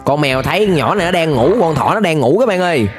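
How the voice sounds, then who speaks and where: A woman's voice: low voice, fast talker. A woman hosting a reaction video, chatting casually and exclaiming to viewers as she comments on an animation. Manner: lively, exclaiming, addresses viewers often. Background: video music.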